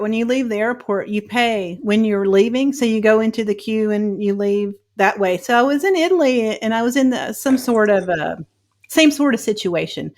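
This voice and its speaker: A woman hosting an interview, chatty and upbeat as she asks questions. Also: a little high. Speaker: host. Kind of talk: casual interview chat.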